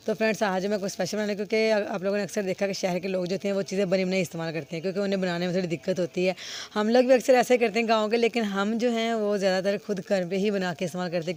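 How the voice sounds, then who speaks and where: A woman's voice: medium pitch, a little mellow. A woman hosting a casual home cooking vlog from a village kitchen, chatty and addressing her viewers as friends. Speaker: cooking vlogger.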